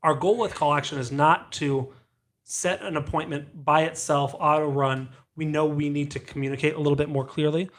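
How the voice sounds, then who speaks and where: A man hosting a casual podcast, animated and telling stories with acted-out dialogue. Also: on the high side, normal speed. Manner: animated storyteller who acts out quoted dialogue. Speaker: podcast host.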